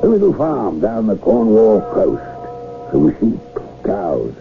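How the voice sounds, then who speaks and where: An actor playing a gruff, short-tempered old sea captain with a sardonic, threatening way of talking in an old-time radio mystery. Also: male voice, on the low side, huge pitch swings, slow, music in the background, full character voice. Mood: gruff, self-satisfied. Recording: muffled noisy old radio recording.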